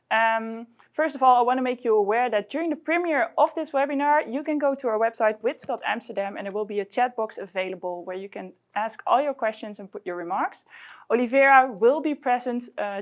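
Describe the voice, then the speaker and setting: A woman hosting a webinar, introducing the guest in a brisk, scripted way. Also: a little high. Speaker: host.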